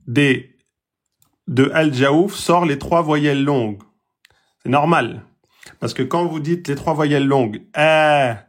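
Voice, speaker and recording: Slow, patient male teacher. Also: on the high side, husky. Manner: repeats points, checks understanding with "d'accord?"; demonstrates vowel sounds aloud. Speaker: Quran recitation teacher. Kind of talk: slow, patient explanatory lesson.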